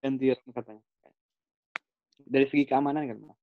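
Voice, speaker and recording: A man's voice: mid-range voice, fairly even intonation, fairly quick, narrow, tinny audio. A man moderating a webinar, politely relaying audience questions over a video call whose audio keeps breaking up. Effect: choppy audio that keeps cutting out.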